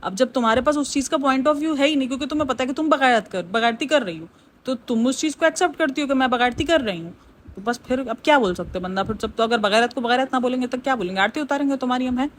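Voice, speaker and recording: A woman's voice: sits high, quick pace, a little hiss or hum. A woman from Pakistan giving casual reaction commentary on her channel, blunt and opinionated, speaking straight to her viewers. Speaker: reaction YouTuber.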